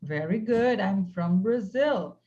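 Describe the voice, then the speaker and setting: A woman's voice: mid-range voice, lively intonation, slow, mellow, dull audio. A woman teaching an online English class, patiently modeling phrases for her students.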